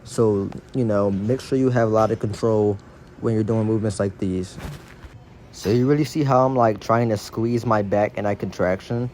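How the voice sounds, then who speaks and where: A man's voice: lowish voice, normal speed, darkish tone, slight background noise. A man giving a casual, slangy exercise tutorial as a fitness instructor, his speech slightly impeded by dental braces.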